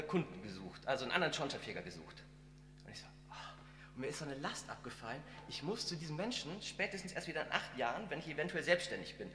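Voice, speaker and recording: A man's voice: a little high, fairly bright tone, reverberant, long reverb tail, a little hiss or hum. A man telling a personal faith testimony in a conversational storytelling manner, with frequent fillers. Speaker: congregation member giving a testimony.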